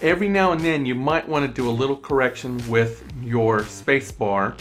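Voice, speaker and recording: A man's voice: mid-range voice, moderate pace, fairly bright tone, faint music behind. Man walking through a screen tutorial. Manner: step-by-step, repetitive explaining. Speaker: online tutorial presenter. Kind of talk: screen-recorded tutorial walkthrough. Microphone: USB desk microphone.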